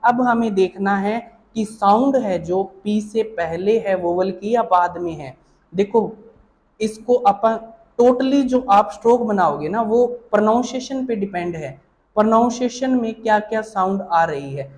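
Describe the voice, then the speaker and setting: A man teaching a shorthand lesson, explaining step by step and often pausing to check that the learners follow. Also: high-pitched, darkish tone. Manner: explains slowly, often checking with "theek hai na". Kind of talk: online classroom lesson.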